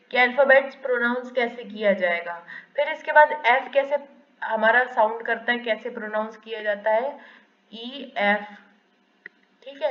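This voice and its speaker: A woman teaching a pronunciation lesson, asking questions and answering them herself, repeating the key points. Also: on the high side. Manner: asks and answers her own questions; repeats key phrases for emphasis. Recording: echoey, dull lo-fi room recording.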